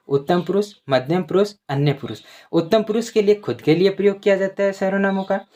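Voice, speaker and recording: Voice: mid-range voice, dark tone. Teacher, grammar lesson, patient and repetitive, reads words one at a time, says every example twice. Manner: repeats each example sentence twice; asks questions and then answers them. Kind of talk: explaining grammar to students.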